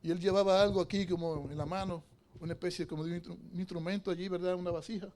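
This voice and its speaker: A man, a pastor, preaching a sermon in a church sanctuary. He asks the congregation rhetorical questions and swings between hushed storytelling and loud, fervent preaching. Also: sits high, fairly even intonation, quick pace.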